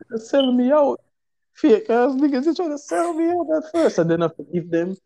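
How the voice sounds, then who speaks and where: A man's voice: extremely high pitch, animated, normal speed, mellow, voice pushed up. Man voicing a gossiping Jamaican crocodile. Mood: aggrieved. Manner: rambling, slangy patois storytelling. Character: laid-back male crocodile gossiping about its captors.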